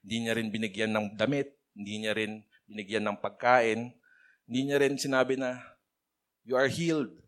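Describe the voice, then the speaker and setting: A man preaches in a loose, conversational style, as if talking with a small group of friends. His voice sits a little low. He drops English phrases into his speech and calls on listeners by name. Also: fairly even intonation, moderate pace, fairly bright tone. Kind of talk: casual conversational sermon.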